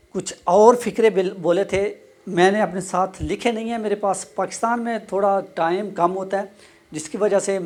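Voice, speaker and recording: High-voiced man teaching phrases. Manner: explains slowly, repeats each phrase. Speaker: Arabic language teacher. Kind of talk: casual spoken lesson. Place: Pakistan.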